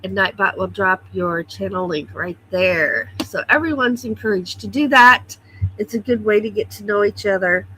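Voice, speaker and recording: Bright and forceful, this livestream host talks at a medium pitch and moderate pace while reading comments during a relaxed morning chat from her home computer. She welcomes viewers one by one and sounds slightly stuffy. The audio is low quality, with a little background noise.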